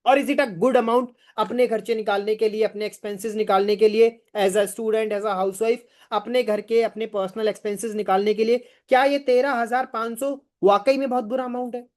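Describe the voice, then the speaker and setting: A man teaches a live online sales session in a fairly high voice. He drives his points home with emphatic rhetorical questions. He keeps pushing viewers to type their answers in the chat. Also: fairly even intonation, normal speed, hardly any pauses, darkish tone. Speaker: sales trainer.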